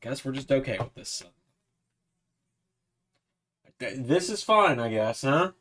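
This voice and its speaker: A man's voice: mid-range voice, big pitch swings, a little slow, a bit bright. A man in his twenties chatting casually on a livestream, talking to his cat in a coaxing sing-song voice. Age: 20s. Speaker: streamer.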